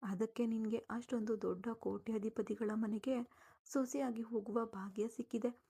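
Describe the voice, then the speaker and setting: A woman voicing teasing young female friends of the bride, with a creaky, husky voice. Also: fairly high pitch, fairly even intonation, normal speed, mellow. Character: teasing young village girlfriends.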